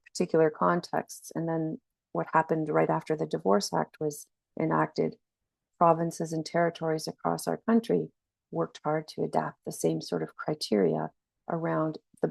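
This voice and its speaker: In a creaky, low, a little mellow voice with no room sound, a woman presents a webinar training. She has a slight cold that leaves her slightly scratchy, and her delivery is earnest and explanatory, full of restarts.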